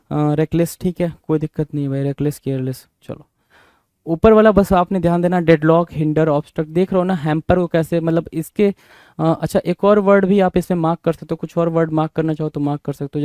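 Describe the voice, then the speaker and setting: Dry audio captures a mellow, fairly high-pitched male teacher prepping students for an exam. He goes over vocabulary by spelling terms out letter by letter, saying them again, and regularly checking that listeners are following.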